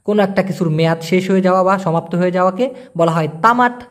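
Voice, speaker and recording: A young man giving a casual spoken language lesson, explaining patiently and repeating each word slowly. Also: high-pitched. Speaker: language teacher.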